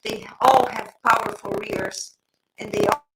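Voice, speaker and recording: A woman dog breeder, a guest in a casual online interview, talking on a video call in an animated way with many restarts. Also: a little high, unhurried, creaky, noisy background. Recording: choppy internet audio.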